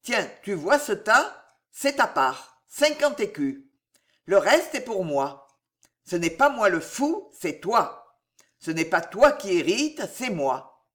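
A storyteller voices a wicked old miser, cruel and gloating, who mocks his victim with dark relish. The voice sits a little higher and louder than the narration, with a lively, swooping pitch. It comes from a read-aloud storybook. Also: slow pace. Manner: mocking, menacing, laughs darkly.

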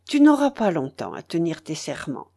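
A woman's voice: low voice, wildly swooping pitch, creaky, mellow, slightly rough, voice pushed down, heavily acted. Woman reading a grave solemn bishop. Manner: grave, measured, admonishing.

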